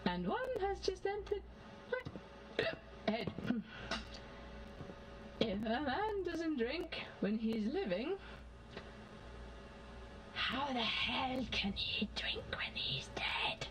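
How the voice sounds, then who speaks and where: A woman's voice: high voice, big pitch swings, slow pace, long pauses, full character voice, poor audio. A woman voicing a tipsy woman who gives rambling drinking toasts and drifts into sentimental, mumbled asides. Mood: toasting.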